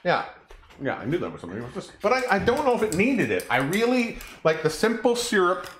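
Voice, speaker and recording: A man's voice: high voice, wildly swooping pitch, quick pace, a bit bright, roomy sound, a little hiss or hum. A man co-hosting a cooking and drinks show, chatting casually as he mixes a cocktail, often trailing off and correcting himself. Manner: rambling, self-correcting, chatty. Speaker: co-host mixing cocktails. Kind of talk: casual chat.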